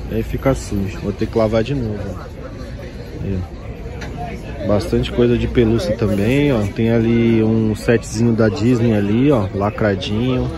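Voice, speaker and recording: A man's voice: mid-range voice, steady tone, moderate pace, a crowd in the background. Brazilian man vlogging at a street market. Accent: Brazilian Portuguese. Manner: casual, enthusiastic, constantly pointing things out. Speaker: vlogger browsing toy stalls. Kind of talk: casual handheld market vlog. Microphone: handheld phone camera. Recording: outdoor street with music and traffic.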